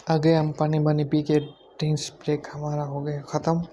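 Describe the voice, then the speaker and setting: Soft-spoken man, flat delivery. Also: on the high side, moderate pace, slight background noise. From Gujarat, India. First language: Gujarati. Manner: speaks quietly on purpose, self-deprecating. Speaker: YouTuber. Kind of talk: casual vlog talk to camera.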